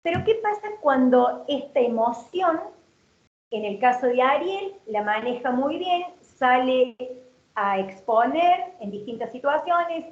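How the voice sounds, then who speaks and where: A woman's voice: high voice, a little mellow. A woman giving an educational workshop talk, explaining things and asking rhetorical questions. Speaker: workshop speaker. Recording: roomy, dull lo-fi sound.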